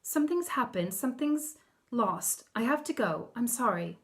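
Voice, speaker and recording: A woman's voice: fairly high pitch, expressive, normal speed. Woman voicing a shaken young female nurse, pleading, breathless.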